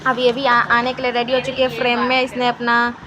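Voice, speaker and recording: A woman's voice: a little high, completely flat delivery, fairly quick, a crowd in the background, poor audio. A young woman vlogging at home in casual chat, teasing and playful. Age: young adult. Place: home, indoors. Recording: home recording with clear background noise.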